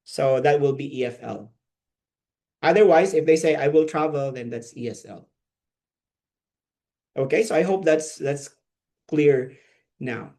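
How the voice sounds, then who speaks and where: A Filipino ESL teacher trainer with a gravelly, warm, fairly high voice speaks unhurriedly, leaving long pauses. He runs a live online training session, lecturing in a conversational way and posing questions to trainees.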